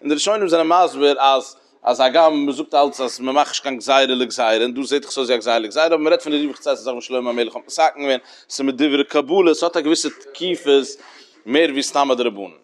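A man's voice: medium pitch, quick pace. A man teaching a Talmud lesson in a sing-song study cadence with many fillers.

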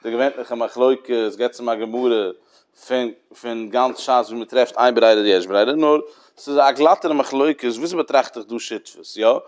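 A man's voice: medium pitch, normal speed. A man teaching a religious study lecture, repeating points and explaining with everyday examples, with English terms dropped in. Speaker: Talmud teacher.

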